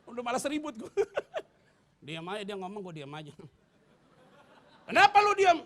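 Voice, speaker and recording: A man, preaching a sermon. He jokes and swings between loud bursts and hushed asides. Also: high-pitched, sing-song, fairly quick. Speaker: pastor.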